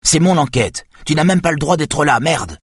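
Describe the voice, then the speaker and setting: A man reading an audiobook, voicing a furious young woman detective who shouts and swears. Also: medium pitch, quick pace, husky, no echo, clean studio sound, voice pushed up, lightly acted.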